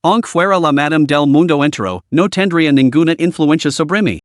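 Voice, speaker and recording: A man's voice: fairly high pitch, expressive, moderate pace, no echo, clean studio sound, close to an everyday voice. A man voicing a confident young man in a storybook recap, speaking in a cool, self-assured way. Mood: smug.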